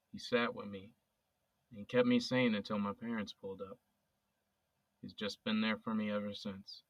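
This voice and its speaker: In an audio drama, an actor plays a sincere young male police officer chatting casually and earnestly with his best friend. His voice is fairly low in pitch with a fairly bright tone, and the recording is dull, dry, and lo-fi with no room sound.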